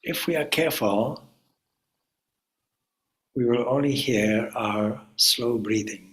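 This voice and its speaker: This rough recording captures a spiritual teacher guiding a meditation in a mid-range voice. He moves slowly through short, pause-filled phrases, calm and deliberate throughout.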